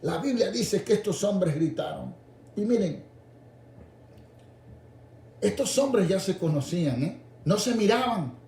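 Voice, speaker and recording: Male preacher, radio sermon, lively pitch that dips low then climbs to shouts, echoey room. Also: a little slow, vocal fry, long pauses. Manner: swings between low intimate asides and raised, shouted appeals; addresses listeners directly as "hermano".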